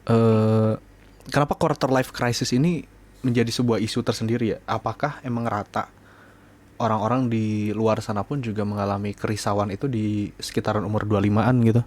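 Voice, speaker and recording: A man's voice: on the low side, fairly even intonation, brisk, darkish tone. A man in his twenties hosting a podcast, chatting casually late at night in a laid-back, slangy way. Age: 20s. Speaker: podcast host.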